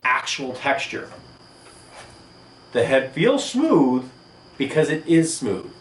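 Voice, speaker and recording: A man teaching art speaks slowly in a medium-pitched voice, explaining with animated enthusiasm in his video lesson. He's recorded in an indoor room with a table and a sandstone wall, and the distant mic gives a roomy sound.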